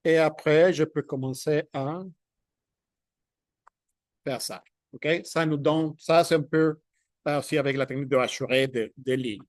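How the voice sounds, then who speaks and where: A man giving a hands-on drawing tutorial, talking in halting bits as he demonstrates and checking in with "ok?" as he goes. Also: on the high side, fairly even intonation, dry recording, clean studio sound. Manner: halting, thinks aloud while demonstrating; checks in with "ok?" often. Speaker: drawing instructor.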